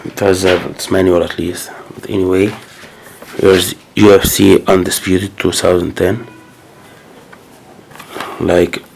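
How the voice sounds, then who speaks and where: With a cold, this gaming host casually unboxes his new games, hesitating through many fillers and restarts. His low voice has vocal fry, and the poor audio carries slight background noise.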